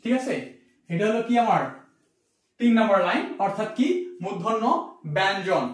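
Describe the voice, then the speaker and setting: A man's voice: high-pitched, normal speed. A young man from Bangladesh teaching an admission-test grammar lesson, repeating terms and quizzing the listener as he goes. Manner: repetitive, quizzing, asks "ঠিক আছে?" often. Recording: echoey room, distant from mic.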